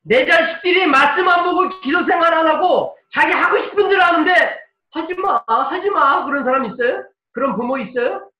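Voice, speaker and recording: A male pastor preaching a dramatic sermon, moving between soft pleading and forceful shouting. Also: extremely high pitch, fairly quick, hardly any pauses, muffled recording. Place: church sanctuary. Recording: echoey room, mic at a distance.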